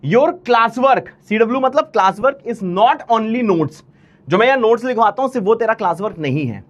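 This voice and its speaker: A man's voice: high voice, animated, moderate pace, lo-fi sound. A male maths teacher giving an online lecture, chatty and teasing, pushing his students with blunt encouragement. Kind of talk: online maths lecture, motivational pep talk.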